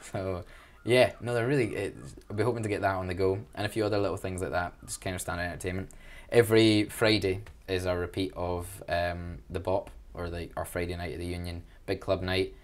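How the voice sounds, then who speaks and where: Deep-voiced and level, this young Glaswegian man talks a little fast with hardly any pauses. Giving casual interview answers, he's enthusiastic about student union events and jokes at his own expense; he's from Glasgow, Scotland.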